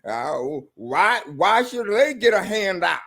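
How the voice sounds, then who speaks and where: A man's voice: high voice, sing-song, slow pace, a bit bright, pitched above the performer's own voice, exaggerated voice. A man putting on a mocking Southern US accent to voice a smug, complaining male Republican, stammering indignantly. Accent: put-on Southern US.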